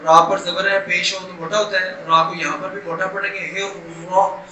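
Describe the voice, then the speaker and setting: A middle-aged man, teaching Quran recitation and stretching sounds slowly to demonstrate them. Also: sits high, flat delivery, sharp tone. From Pakistan. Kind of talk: recitation lesson. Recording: echoey room, distant mic, faint noise.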